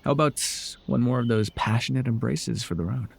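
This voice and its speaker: A man's voice: mid-range voice, fairly quick, gravelly, husky. A man playing a smug, teasing telepath supervillain who mentors a hero, in a wry, theatrical yet conversational ASMR roleplay. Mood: smug, coaxing.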